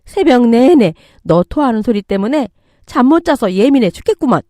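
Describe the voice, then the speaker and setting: Scornful, scolding older mother-in-law, loud and raised in pitch, swinging hard between words, as a female story reader puts her on; dry close sound. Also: big pitch swings, moderate pace, dry recording. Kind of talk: storytelling radio reading.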